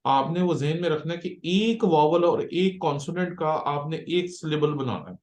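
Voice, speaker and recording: Man, pastor teaching Hebrew, slow and patient, fairly high voice. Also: darkish tone. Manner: patient, repeats words syllable by syllable. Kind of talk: slow classroom lecture, spelling out syllables. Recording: roomy echo.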